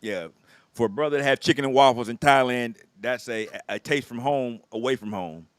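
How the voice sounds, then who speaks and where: A man hosts a relaxed conversation in an easygoing, affirming manner. His voice sits at an average pitch. The sound is dry, with no room echo. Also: moderate pace, clear, resonant tone. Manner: easygoing, affirming with frequent yeahs. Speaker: host. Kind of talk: casual chat.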